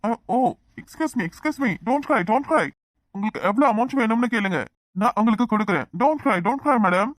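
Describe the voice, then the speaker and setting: A woman's voice: fairly high pitch, moderate pace, dry recording, studio quality, natural voice. A woman voicing an awkward young man back from abroad, who mixes broken English into his Tamil in a cartoon. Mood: fussing.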